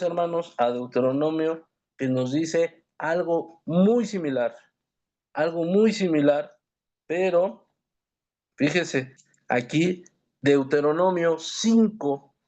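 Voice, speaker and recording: A man's voice: on the high side, darkish tone. A man teaching a Bible class, earnestly reading scripture aloud and addressing his listeners as brothers.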